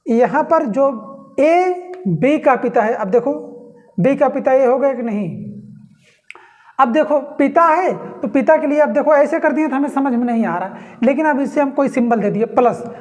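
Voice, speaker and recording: A woman with a high voice teaches an exam-prep reasoning lesson at a whiteboard. She goes slowly, asks the class questions and answers them herself, and repeats key points. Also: a little mellow. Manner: explains slowly with rhetorical questions and repetition.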